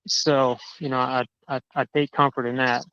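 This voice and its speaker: A man calling in on a crackly phone line that fades in and out, walking a dog outdoors and telling his story in a halting, indignant way, often repeating words. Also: medium pitch, level tone, sharp tone, clean tone, dry recording. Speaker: caller. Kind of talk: casual chat. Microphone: cell phone.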